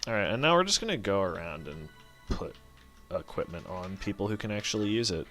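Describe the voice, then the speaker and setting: A man's voice: lowish voice, very animated, brisk, a bit bright, faint music behind. A man giving casual gameplay commentary as a let's play host, rambling, correcting himself and swearing offhand as he thinks aloud.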